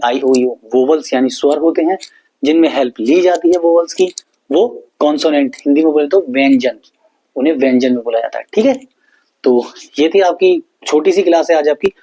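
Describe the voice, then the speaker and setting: A man's voice: fairly high pitch, dark tone, rough recording. A male teacher explaining basic grammar in a lesson, spelling letters aloud and checking in with his students often. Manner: reads English definitions very slowly. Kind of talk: classroom-style lesson explanation.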